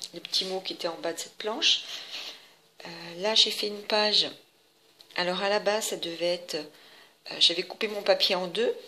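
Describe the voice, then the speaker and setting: A woman's voice: fairly low pitch, bright, forceful tone, slight background noise. A woman casually walking through her handmade scrapbook album, chatty and hesitant, with lots of fillers and restarts. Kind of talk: casual craft tutorial.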